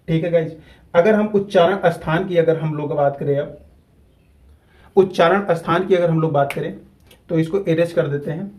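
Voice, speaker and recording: A man, teaching a grammar lesson at a whiteboard. He repeats key terms slowly and deliberately so students can keep up. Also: a little high, darkish tone, poor audio.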